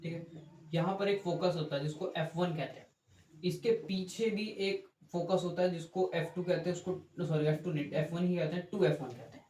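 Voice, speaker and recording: A man's voice: on the high side, steady tone, normal speed, a little mellow. A man teaching a physics class, explaining step by step, asking checking questions and correcting himself as he draws. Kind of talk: classroom lecture with board drawing. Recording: echoey room with faint ambient noise.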